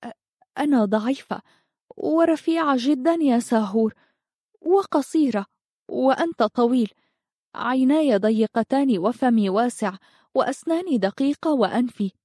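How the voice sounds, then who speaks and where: A woman's voice: sits high, expressive, racing, long pauses, dry recording, clean studio sound, pitched above the performer's own voice. A woman voicing a shy, nervous young woman who stammers and doubts herself, in a read-aloud story. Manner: stammering, anxious.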